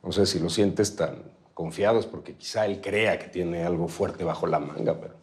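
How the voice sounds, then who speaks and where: A man's voice: deep voice, moderate pace, lightly acted. An actor in his forties playing a composed, reassuring lawyer in a naturalistic telenovela style. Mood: measured, assured.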